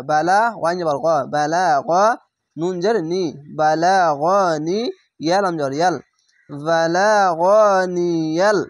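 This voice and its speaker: High-voiced man teaching Quran recitation. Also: no echo, clean studio sound. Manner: slow drawn-out chanted recitation between plain explanations. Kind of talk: spelling out and reciting Arabic verses letter by letter.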